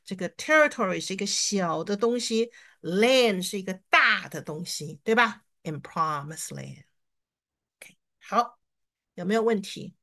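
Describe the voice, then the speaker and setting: A woman teaching an online reading class, encouraging her students and sounding out English words slowly. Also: medium pitch, lively intonation, fairly bright tone. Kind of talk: online lesson.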